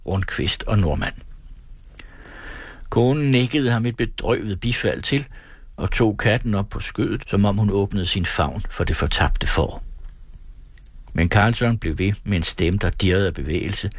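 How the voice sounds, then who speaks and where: A man narrating a story in a steady, measured audiobook reading. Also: on the low side, no echo.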